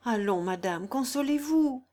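A woman's voice: fairly high pitch, animated, unhurried, mellow, pitched above the performer's own voice. A woman doing a kind simple maidservant. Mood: soothing. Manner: soothing, kind.

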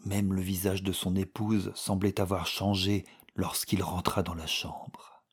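A man reads a story aloud in an audiobook, grave and measured. His voice is low and husky, and he takes his time over every line. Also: flat delivery. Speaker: narrator. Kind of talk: audiobook reading.

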